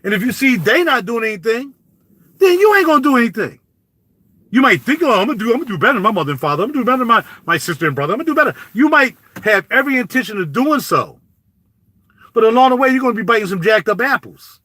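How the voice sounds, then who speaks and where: A man, riffing in animated, preachy street talk as a YouTube vlogger, recorded close to the mic. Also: very high-pitched, fast talker, no echo. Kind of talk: casual spoken commentary.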